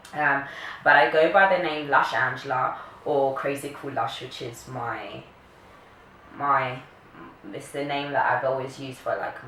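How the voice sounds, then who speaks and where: Her bass voice has a fairly bright tone as this early-30s woman, Kenyan and later UK-based, talks casually and playfully to camera in her vlog. Faint noise, a distant mic and room echo color the recording.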